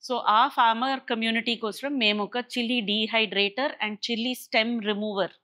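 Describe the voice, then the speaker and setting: A woman with an Indian Telugu accent speaks in a fairly high, steady voice, slowly and with a sharp tone. As a guest in an interview, she explains a maker center's projects, moving freely between Telugu and English and dropping English phrases into her Telugu sentences.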